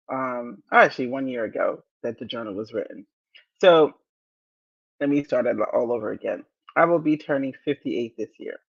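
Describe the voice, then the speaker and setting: A woman in her fifties hosting a motivational podcast, speaking deliberately and repeating key phrases to encourage listeners. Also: extremely low pitch, lo-fi sound. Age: 50s. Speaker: podcast host.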